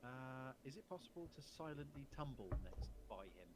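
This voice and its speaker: A man's voice: medium pitch, big pitch swings, moderate pace, background noise. A man playing a tabletop game, thinking aloud and hesitating over his moves. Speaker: player. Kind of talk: casual tabletop game play.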